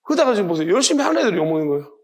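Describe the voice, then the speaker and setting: A man's voice: high-pitched, sing-song, very fast, a little mellow. A male pastor with a Gyeongsang accent preaching a sermon, firing off rhetorical questions with emphasis.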